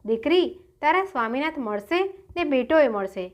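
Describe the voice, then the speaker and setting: A motherly serpent queen spirit from a spoken folk tale, as a woman storyteller puts her on. She speaks in a soothing way that also gives commands. Her voice is high-pitched. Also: expressive, normal speed.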